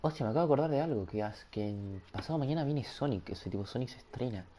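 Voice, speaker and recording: A young man streams casual gaming chat in Rioplatense-accented Spanish, his medium-pitched, dark-toned voice fast and lively in intonation, with slight background noise. Via a headset mic, he rambles, cracks jokes with viewers, and laughs at himself.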